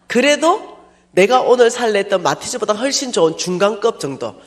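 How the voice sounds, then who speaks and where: A woman pastor telling a personal story in a sermon, animated and self-mocking. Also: medium pitch, fairly quick.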